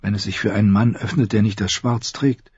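A man voicing a timid, anxious young man who stutters and speaks in a hushed, husky voice. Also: lowish voice, fairly even intonation, brisk, dry recording. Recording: dull lo-fi audio.

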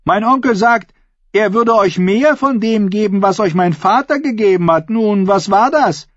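A man's voice: sits high, unhurried, no echo, muffled recording, voice pushed up. A man voicing a bold, mocking young woman who teases a crowd of sea captains in an audiobook. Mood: rousing. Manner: teasing, cocky, commanding.

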